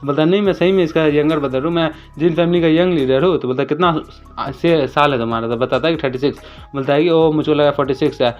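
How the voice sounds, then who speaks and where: A man retelling a comic story in a casual recap, talking rapidly and briefly raising his voice for quoted lines. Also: on the high side. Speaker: manhwa recap narrator. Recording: dull lo-fi voice-over with faint music.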